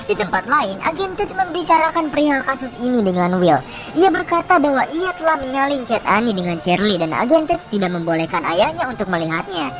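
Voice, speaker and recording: Woman, high voice, lively pitch, chatty film recap narration, music playing behind. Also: a little fast. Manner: chatty, slangy storytelling.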